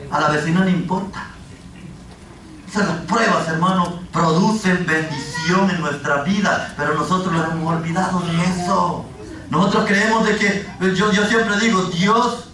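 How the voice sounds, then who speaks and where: Pentecostal-style pastor man, fervent shouty sermon, big church echo, faint room noise. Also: sits high. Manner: fervent preaching, often shouting. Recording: echoey church hall, from far off.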